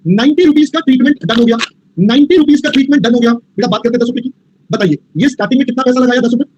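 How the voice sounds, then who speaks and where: A man's voice: very high-pitched, very fast, darkish tone, lo-fi sound, slight background noise. A male teacher giving a lecture, coaxing the students and repeating himself. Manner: coaxing, repeats himself, mixes English phrases. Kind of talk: online commerce lecture.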